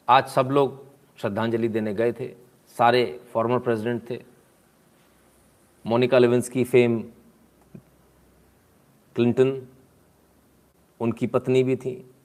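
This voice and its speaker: Guy riffing on the news, sarcastic and mocking, clears his throat a lot, plain mid voice. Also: mid-range voice. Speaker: political commentator. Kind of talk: casual live commentary.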